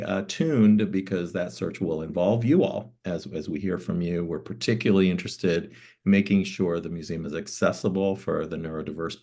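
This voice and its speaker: His voice sits low, creaky and slightly rough with a darkish tone. A middle-aged man born in Cuba and living in Florida, he is the guest interim museum director at a community talk, offering long explanations full of fillers.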